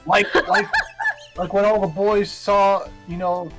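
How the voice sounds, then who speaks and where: A man's voice: high-pitched, sing-song, slow, fairly bright tone. A man co-hosting a gaming show, bantering casually with friends. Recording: music behind the voice.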